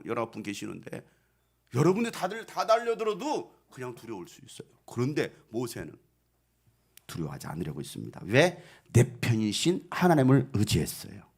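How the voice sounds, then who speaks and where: Gravelly, animated Korean pastor preaching. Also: male voice, mid-range voice. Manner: dramatic, swinging from hushed asides to loud wailing and shouts; asks the congregation questions and answers them himself. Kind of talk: sermon. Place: small church.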